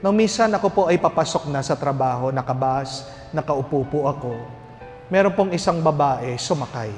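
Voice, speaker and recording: A priest delivers a homily in a fairly high voice, telling stories and asking his listeners questions. He slips in jokes and then returns to earnest lessons. His voice rings out in a long-reverb hall, with faint music beneath. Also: moderate pace. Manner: lively storyteller with jokes and rhetorical questions. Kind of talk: homily with storytelling.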